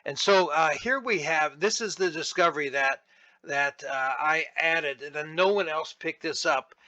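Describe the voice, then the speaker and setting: Bright-voiced man teaching from slides. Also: fairly high pitch, no room sound, poor audio. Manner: deliberate, with frequent restarts and fillers. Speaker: Bible teacher. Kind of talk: explaining a sentence diagram over slides.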